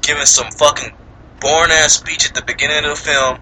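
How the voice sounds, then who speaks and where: A man chatting casually about a movie, animated and profane, laughing often and mimicking characters. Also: a little high, a little fast, a little hiss or hum, poor audio. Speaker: movie reviewer. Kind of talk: casual chat.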